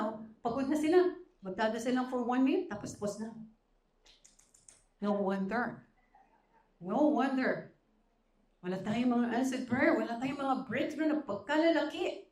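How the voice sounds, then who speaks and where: A woman's voice: sits high, darkish tone. A woman pastor, preaching an emphatic sermon that moves between Tagalog and English.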